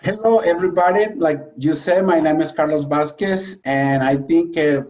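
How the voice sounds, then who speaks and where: A man's voice: on the high side, normal speed, darkish tone, far from the mic, rough recording. A man from Honduras with a Honduran Spanish accent, a native Spanish speaker giving an earnest personal talk as an adult educator at a briefing. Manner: earnest, with hesitant restarts. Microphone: video call.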